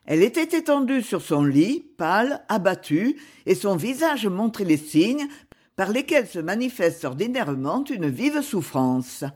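A woman reading a chapter of a classic novel aloud in a measured, expressive storytelling manner. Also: medium pitch, breathy edge. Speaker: audiobook reader. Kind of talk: scripted narration of a novel.

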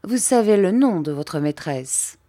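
A woman voicing a stern, controlling stepfather who speaks in a smooth, measured, menacing way. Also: lowish voice, lively intonation, dark tone. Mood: cold control.

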